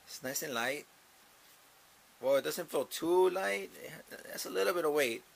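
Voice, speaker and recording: At a normal pace and with vocal fry, a young man with a higher-pitched voice chats upbeat through an unboxing in a small grow tent. The gardening host repeats himself while thinking aloud, captured by a camera mounted above.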